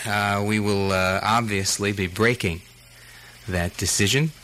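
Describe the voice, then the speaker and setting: A man's voice: lowish voice, fairly even intonation, measured pace, sharp tone. A man presenting on the radio as a host. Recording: faint background noise.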